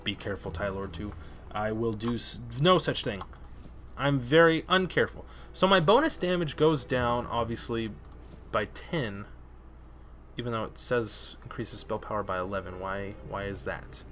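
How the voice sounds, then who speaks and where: A man's voice: on the low side, moderate pace, fairly bright tone, slight background noise. A young man casually commenting on his gameplay, chatty and joking, swearing freely. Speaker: gaming host.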